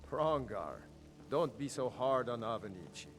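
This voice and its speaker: A proud middle-aged jarl, game dialogue, measured formal delivery, grave tone, noble bearing. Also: male voice, medium pitch, very animated, a bit bright, faint music behind. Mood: solemn.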